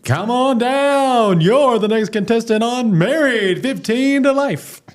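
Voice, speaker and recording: A big, booming game show announcer, as a man puts him on, stretching every word way up high and loud. He draws out the lines slowly, and the voice soars well above the man's usual talk. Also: lively intonation, faint music behind, exaggerated voice. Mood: hyped. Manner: drawn-out, showy delivery.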